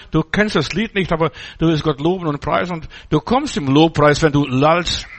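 Fervent older preacher, slightly high voice. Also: male voice, fairly bright tone. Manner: fervent, repetitive, with halting restarts. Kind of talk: sermon.

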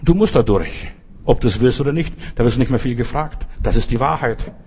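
A man's voice: medium pitch, quick pace, darkish tone, husky. A man preaching a sermon, addressing listeners directly with many pointed rhetorical questions.

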